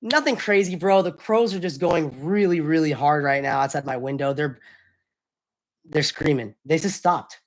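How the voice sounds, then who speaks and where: A man's voice: fairly high pitch, moderate pace. A young man streamer chatting casually with his live chat, loose and slangy, often apologizing.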